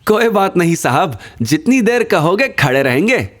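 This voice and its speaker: Guy doing a chill rickshaw driver, higher voice, easy and obliging. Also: moderate pace. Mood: amused. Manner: relaxed, obliging. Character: easygoing male rickshaw driver.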